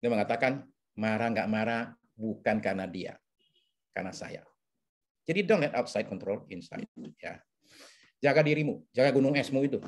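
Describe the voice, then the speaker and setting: A man's voice: mid-range voice, moderate pace. A man teaching counseling in a webinar, speaking over a video call and checking in with listeners often. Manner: teacherly, checks in with repeated oke and ya. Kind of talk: webinar lecture.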